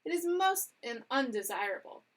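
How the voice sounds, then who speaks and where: A woman's voice: high-pitched, sing-song, normal speed, pitched above the performer's own voice, rough recording. A woman voicing a proper lady cat hostess in a storybook reading, formal and severe. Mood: prim.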